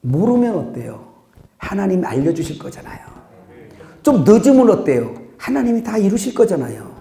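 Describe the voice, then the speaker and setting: Gravelly-voiced man preaching in an echoey hall. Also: sits high, normal speed. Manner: animated preaching, sudden loud rises and quiet drops, laughs at own jokes. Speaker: pastor. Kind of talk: sermon.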